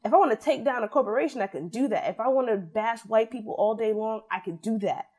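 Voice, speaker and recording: A young adult woman in casual podcast discussion, opinionated and animated, often acting out what others said. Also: a little high, fast talker, breathy edge. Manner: animated, opinionated, acts out quoted voices.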